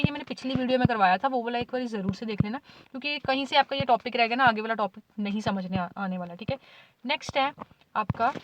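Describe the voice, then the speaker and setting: A woman's voice: a little high, background noise. A woman teaching a class in a lesson video, explaining patiently, saying "ठीक है" again and again and sounding out example words. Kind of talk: whiteboard lecture in Hindi with English terms.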